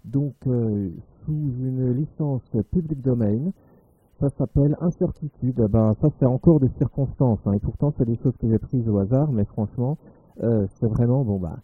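A man's voice: mid-range voice, normal speed, phone-quality sound. A man hosting a live web radio show, rambling and hesitant with lots of filler sounds, self-mocking as he reads listener chat aloud. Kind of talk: improvised live radio chatter.

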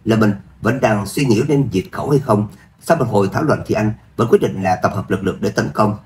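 A man narrating a serialized fantasy story in a steady, even reading voice, speaking all the characters himself. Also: fairly low pitch, fairly quick. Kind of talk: audiobook-style story narration.

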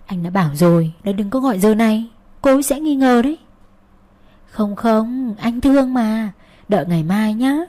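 A woman's voice: fairly high pitch, expressive, normal speed, mellow, lightly acted. Woman voicing a coaxing, cheating husband. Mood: coaxing, secretive. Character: cheating young husband, soothing and evasive.

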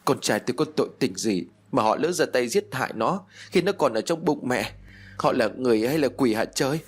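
A man's voice: medium pitch, lively intonation, a little fast, slightly rough. A man voicing a grieving young mother who is tearful and anxious, speaking in a pleading, emotional way. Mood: anguished.

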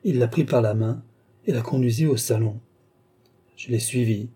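A man reading a novel aloud as a narrator, in a measured storytelling manner. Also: mid-range voice, warm tone, breathy edge. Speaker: audiobook narrator. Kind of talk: scripted narration.

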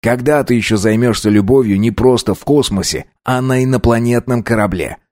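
A man's voice: medium pitch, brisk, darkish tone, dry recording, close to an everyday voice. A man voicing a brash young heir, full of himself and teasing, pushing his offers with a smug, playful tone. The voice stays close to the narrator's own, dry and close to the mic.

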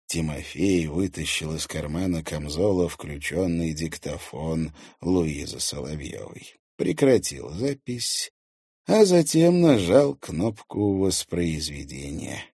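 A man narrating a novel in a scripted, expressive audiobook reading. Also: extremely low pitch, slow, breathy edge, dry recording, clean studio sound. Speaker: audiobook reader.

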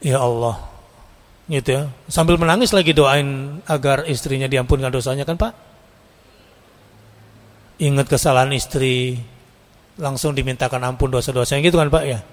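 A man's voice: mid-range voice, fairly even intonation, normal speed, pauses often. A man preaching to a congregation in a chatty, teasing way, rising to emphatic peaks. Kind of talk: sermon to a live congregation. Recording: hall reverb.

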